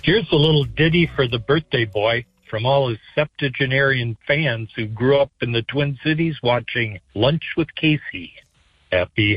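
A man in his seventies leaves a phone voicemail, singing a birthday ditty in a slow sing-song way over a landline phone. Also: mid-range voice, no echo. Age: 70s. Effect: voicemail heard over a landline phone. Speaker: caller. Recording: dull, dry phone-line voicemail.

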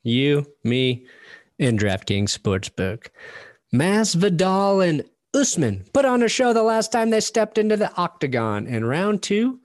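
A man who hosts a sports show, reading an ad's legal disclaimer in quick, clipped phrases. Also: high-pitched, big pitch swings, no room sound, clean studio sound. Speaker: sports talk show host. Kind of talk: sponsor ad read ending in legal disclaimer.

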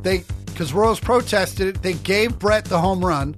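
A man's voice: high-pitched, a little slow, soft background music. A man chatting casually about sports as a guest on a podcast.

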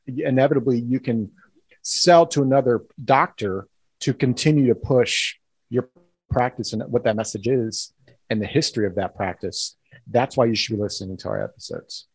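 Man, medium pitch, husky, conversational podcast host, very dry close sound. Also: a little mellow, no echo, low-quality recording.

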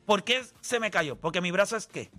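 A man with a high, bright voice hosts a sports talk show, laying out his argument with everyday examples. His delivery is brisk, lively and persuasive, with soft music playing in the background.

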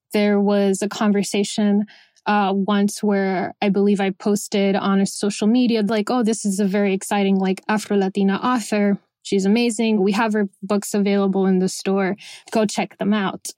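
A young adult woman, born in Venezuela and raised in Miami, reflects on founding a bookstore in a personal interview testimony, dropping Spanish words into her English. Her mid-range voice has a darkish tone, captured in a dry, clean studio recording.

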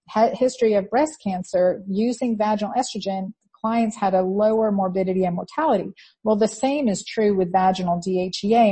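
Woman, Spanish accent, podcast host, husky tone, detailed clinical talk. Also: mid-range voice, mellow. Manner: detailed, fluent talk with occasional restarts. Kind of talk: conversational interview.

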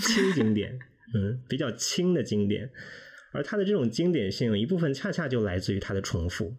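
A man in a podcast book discussion, speaking in a measured, reflective way. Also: mid-range voice, creaky, a little mellow, breathy edge. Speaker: podcast guest, reader. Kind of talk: casual discussion.

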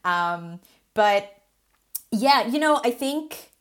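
A woman's voice: a little high, expressive, extremely slow. A woman from Singapore, a guest on a podcast interview, talking in a chatty way with fillers and frequent laughs.

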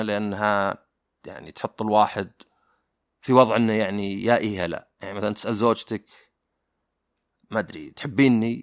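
Man, rapid delivery, creaky gravelly voice, dry close sound, reflective podcast monologue. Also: fairly low pitch, no echo. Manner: reflective, acts out imagined dialogues, many fillers. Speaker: podcast host. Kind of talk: casual solo monologue.

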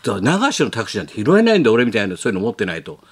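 東京の下町なまりで話す年配の男性ラジオホストが、スタジオで冗談まじりに早口で雑談している。. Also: male voice, fairly low pitch, wildly swooping pitch, breathy edge. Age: older. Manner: joking, teasing, rapid banter. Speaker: radio show host. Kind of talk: casual radio chat. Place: radio studio.

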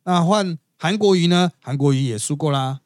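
A man's voice: on the high side, normal speed, no room sound, clean studio sound. A man with a Taiwanese Mandarin accent hosting a podcast, giving chatty, gossipy, wry political commentary. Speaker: podcast host.

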